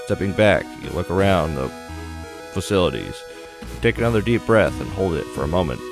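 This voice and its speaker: A man with a low voice narrates a game playthrough for a gaming video, sounding animated and brisk in a casual, plainspoken way. He comments on the action and reads on-screen story text aloud while game music plays behind him.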